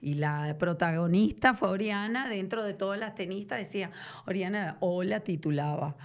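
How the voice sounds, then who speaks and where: A middle-aged actress from Venezuela with a Venezuelan accent, telling stories animatedly in a casual interview. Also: female voice, mid-range voice, moderate pace. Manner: animated storytelling, quoting others in lively voices.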